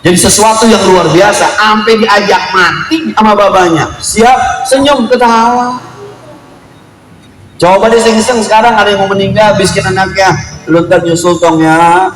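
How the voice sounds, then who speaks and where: A man preaching a storytelling sermon at a family celebration, lively and joking, acting out quotes in street slang. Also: high-pitched, moderate pace, soft background music. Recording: echoey room with faint ambience.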